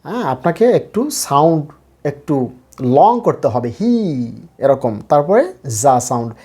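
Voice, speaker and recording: A man with a Bangladeshi accent teaching an English lesson, explaining slowly and repeating key words. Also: a little high, very animated, warm tone, breathy edge. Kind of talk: spoken language lesson.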